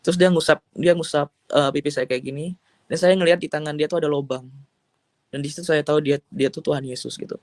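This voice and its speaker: Casting: earnest young man, slightly high pitch, bone-dry room, heartfelt testimony. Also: steady tone, fast talker, no echo. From Indonesia. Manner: earnest, emotional storytelling with many fillers. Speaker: testimony giver. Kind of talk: personal testimony.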